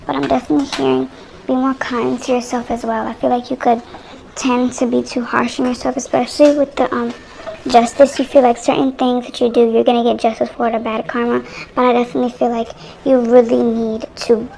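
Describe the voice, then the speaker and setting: A young woman talks straight to her viewers through a tarot reading, rambling in a loose, chatty way. Her voice sits a little high and carries a gravelly fry. She is picked up on a phone microphone. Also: background noise. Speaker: tarot reader.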